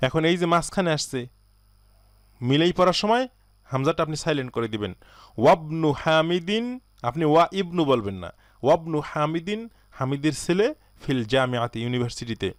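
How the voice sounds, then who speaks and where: A man teaching an Arabic lesson, who reads phrases slowly and then explains them at a quick pace. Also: a little high, no room sound, studio quality. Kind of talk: recorded language lesson.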